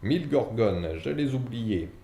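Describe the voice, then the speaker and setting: A man voicing a huge, quick-tempered male half-giant gamekeeper, booming and indignant, in an audiobook reading with character voices. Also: creaky, warm tone. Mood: angry. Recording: echoey room, faint background noise.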